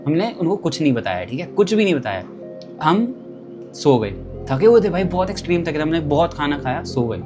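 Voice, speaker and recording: A young man telling a travel story casually and lively, acting out the people he met. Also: fairly high pitch, brisk, music in the background.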